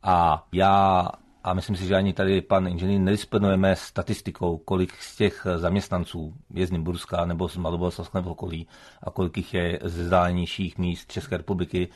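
Casting: very deep, monotone man, formal debate guest, hesitant. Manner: formal, hesitant, even delivery. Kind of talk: studio debate.

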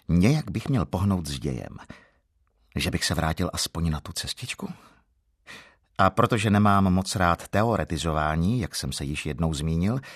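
Man, low gravelly voice, husky, deadpan self-ironic story reading, lively pitch. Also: dry recording, studio quality. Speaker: author reading his own story. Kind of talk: humorous first-person story reading.

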